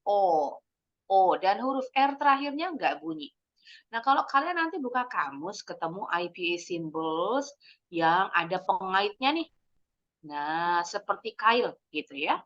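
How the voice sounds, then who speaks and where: A woman English teacher leading a kids' lesson, slowly modeling words for the class to repeat, mixing English phrases into her explanations and praising answers. She clears her throat often. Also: medium pitch, muffled recording. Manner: encouraging praise after answers. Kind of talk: online English lesson for kids.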